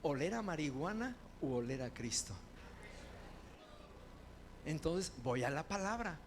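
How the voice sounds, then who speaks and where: A male pastor preaching a sermon, asking the congregation questions and swinging between quiet asides and shouted repetition. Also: on the high side, very animated, a little slow, slight background noise.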